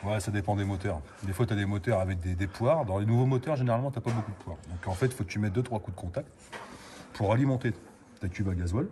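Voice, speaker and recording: A man walks through a car repair in a casual, chatty way, dropping filler words as he goes. His voice sits on the low side. The garage recording is noisy. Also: fast, mellow. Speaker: amateur mechanic host. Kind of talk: casual how-to commentary.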